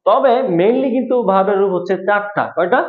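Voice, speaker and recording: A man's voice: high-pitched, fairly quick. A man teaching English to a class, asking a question and then repeating it to the students. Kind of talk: classroom lesson with call and response. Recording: echoey room, tinny phone-like sound.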